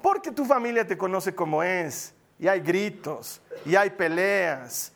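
A man preaching as pastor of a church, lively and joking with his congregation. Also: sits high, a little slow, vocal fry. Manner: lively, jokey preaching with acted asides. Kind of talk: sermon.

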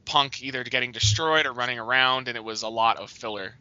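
A man's voice: medium pitch, brisk, pushed and bright, no room sound, lo-fi sound. A man co-hosting a casual chat podcast, opinionated and swearing as he jumps between tangents.

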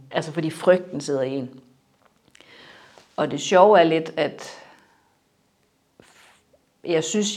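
A young adult woman in a personal interview, reflective and halting, her sentences trailing off softly. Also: fairly low pitch.

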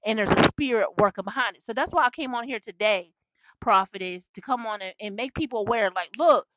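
Fervent woman preaching, high voice. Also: brisk, no room sound, highs cut off. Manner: fervent, repetitive, call-and-response asides. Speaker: self-described prophetess. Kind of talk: impassioned preaching monologue.

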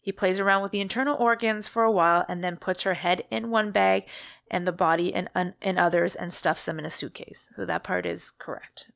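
A woman's voice: lowish voice, steady tone, brisk, creaky, a bit bright, no room sound, studio quality. A woman co-hosting a podcast, casually recounting a true-crime story and often correcting herself mid-sentence. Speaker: podcast co-host.

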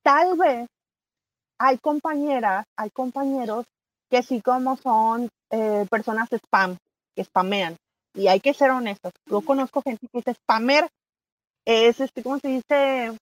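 A middle-aged woman with a Mexican accent, talking as a guest in a casual conversation, animated and chatty, often pausing on fillers and correcting herself. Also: a little high, poor audio. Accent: Mexican Spanish.

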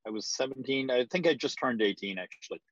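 This Irish man in his forties, a real estate agent appearing as a guest, talks fast in an expressive, medium-pitched voice. His interview answers wander and hesitate, with frequent ums, and the audio sounds dull and lo-fi.

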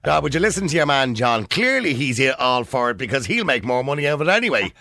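Irish male phone-in host, challenging and quick to interrupt, brisk delivery, dry close studio sound. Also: mid-range voice, big pitch swings, pushed and bright, dry recording. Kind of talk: debate with caller.

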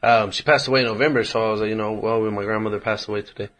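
A man's voice: on the low side, steady tone, rapid-fire, a bit bright. A man in his mid twenties co-hosting a casual podcast, candid and swearing freely. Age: 20s. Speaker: podcast co-host. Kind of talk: casual chat.

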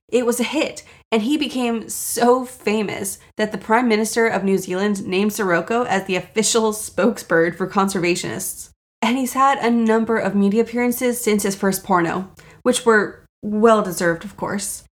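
A woman hosting a casual, jokey solo podcast, self-deprecating and sweary, with a raspy voice, audible vocal fry and a sore throat. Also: medium pitch, normal speed. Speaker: podcast host.

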